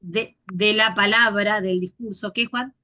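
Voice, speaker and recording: A woman teacher gives a grammar lecture, patiently repeating forms slowly and spelling out endings. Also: medium pitch, steady tone, bright, forceful tone.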